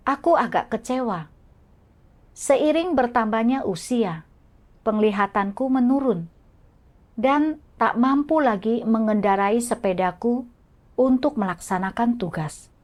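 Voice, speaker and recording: A woman reading a faith testimony aloud as scripted devotional narration, in a slow, measured and even manner. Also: a little high.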